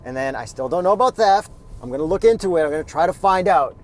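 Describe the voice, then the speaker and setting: A man's voice: on the high side, expressive, quick pace, slight background noise. A man co-hosting a car review, bantering in a laid-back, joking way, outdoors beside a vehicle. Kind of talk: casual banter.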